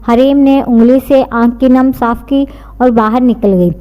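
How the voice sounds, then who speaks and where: A woman narrating a novel in an even, steady reading voice. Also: a little high, unhurried. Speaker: story narrator. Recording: long reverb.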